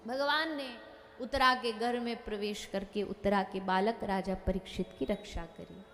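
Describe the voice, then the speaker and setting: A woman's voice: medium pitch, steady tone, normal speed, fairly bright tone, big-room sound. A woman giving a devotional scripture discourse, animatedly telling the story and acting out its dialogue. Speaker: religious storyteller.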